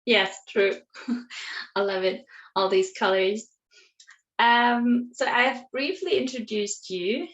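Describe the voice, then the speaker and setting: A woman's voice: on the high side, takes it slowly, pauses often, fairly bright tone. Woman host, cheerful and encouraging, slightly muffled recording. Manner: upbeat, encouraging, some hesitations. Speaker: interview host. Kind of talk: online interview show.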